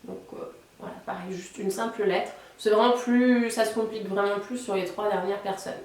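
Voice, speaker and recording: Woman language teacher, patient, clear modelling of words; boomy room, mic at a distance. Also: steady tone, a little mellow, very echoey. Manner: patient explaining, slows down to model Italian words. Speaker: Italian teacher. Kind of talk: online language lesson.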